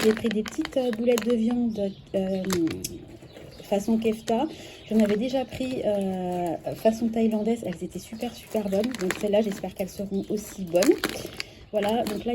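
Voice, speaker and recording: A woman in her thirties with a French accent, chatting casually through a grocery unboxing vlog, correcting herself often and filling pauses with "euh". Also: mid-range voice. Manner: chatty, self-correcting, many fillers. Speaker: vlogger. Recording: clear background noise.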